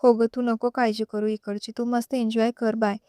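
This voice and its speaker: Woman voicing a cheerful teasing friend, chatty young woman, storybook figure, smooth voice. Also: a little high, level tone, normal speed, dark tone, dry recording, studio quality, natural voice.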